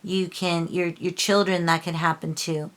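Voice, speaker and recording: A woman talks slowly through a tarot reading in a low-pitched voice. She is earnest and a little preachy, circling back over her words and restarting sentences. She sounds emotional, close to tears. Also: little pitch movement, fairly bright tone. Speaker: tarot reader. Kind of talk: casual tarot reading vlog.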